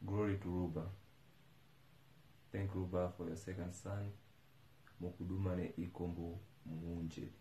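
Young Tanzanian man, deep mellow voice, slow fervent praise, roomy living room. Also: level tone, a little hiss or hum. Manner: fervent, declaring, repetitive praise. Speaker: church member giving testimony. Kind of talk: prayerful testimony. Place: indoors on a sofa in a living room. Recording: echoey room.

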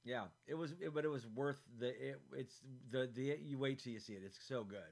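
A man's voice: medium pitch, fairly quick, vocal fry, a crowd in the background. A man co-hosting a podcast, chatting with enthusiasm and friendly arguing. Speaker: podcast co-host. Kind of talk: casual chat.

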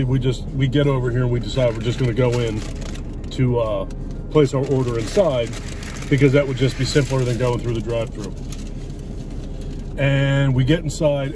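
A man's voice: mid-range voice, noisy background. A middle-aged man chatting casually in a parked car, talking while chewing his food. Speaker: vlog co-host. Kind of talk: casual chat. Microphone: camera on the dashboard.

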